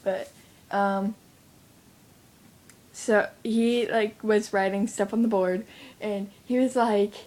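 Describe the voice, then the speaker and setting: Her voice is mid-range, steady, and a little mellow as this teenage vlogger speaks to a handheld camera. She takes it slowly and pauses often, wandering off track in a filler-heavy story while near tears.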